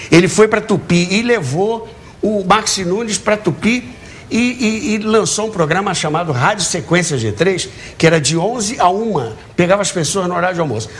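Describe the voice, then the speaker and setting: An author of a book on radio theatre, a man in his early seventies from Rio de Janeiro, Brazil, eagerly shares anecdotes as a guest on a TV talk show before a studio audience. His rather high voice swings widely in pitch, and he repeats words and asks rhetorical questions. Slight background noise is present.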